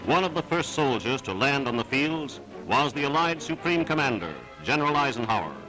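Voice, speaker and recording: A man's voice: medium pitch, very animated, fairly quick, poor audio. A man narrating an old wartime newsreel in an emphatic, declamatory style. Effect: old newsreel recording. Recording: newsreel narration over loud music. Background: music.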